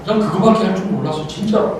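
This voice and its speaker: Middle-aged male professor, playful storyteller, slightly high voice; heard from afar in a noisy auditorium. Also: fast talker. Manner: playful, teasing the audience. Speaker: professor giving a guest lecture. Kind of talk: humorous lecture with anecdotes. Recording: echoey hall from far off, noisy.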